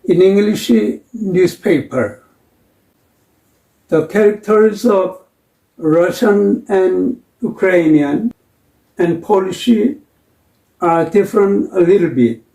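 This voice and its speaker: A man narrating a language lesson in a slow, deliberate way, pausing between phrases. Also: high voice, dark tone, echoey room, poor audio.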